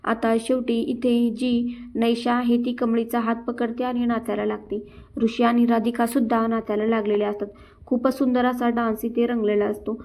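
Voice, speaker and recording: A woman narrating a recap of a TV serial. Her voice sits slightly high and stays quite flat, moving steadily through the retelling with frequent filler words. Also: moderate pace.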